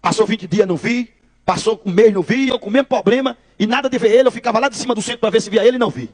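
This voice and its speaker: A Brazilian man with a very high voice tells his testimony at a quick clip. He acts out the exchanges in quotes and keeps turning to his listeners as brothers, in the manner of a preacher. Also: darkish tone. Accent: Brazilian Portuguese. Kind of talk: testimony storytelling.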